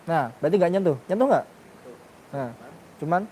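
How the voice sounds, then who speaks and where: A man's voice: fairly high pitch, expressive, normal speed, noisy background. A man teaching a class on Quranic pronunciation, questioning his students and sounding out letters for them. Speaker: tajwid teacher.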